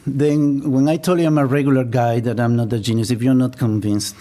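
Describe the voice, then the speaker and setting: A middle-aged Ecuadorian man, a native Spanish speaker with an Ecuadorian accent, gives a public lecture as a business professor. His medium-pitched, dark voice stays steady and moves a little fast. He pokes fun at himself and chuckles at his own jokes.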